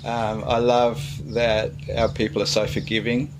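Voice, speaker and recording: A middle-aged pastor answers interview questions in a relaxed but hesitant way, pausing often and using lots of fillers. His voice is medium-pitched, and the background is noisy.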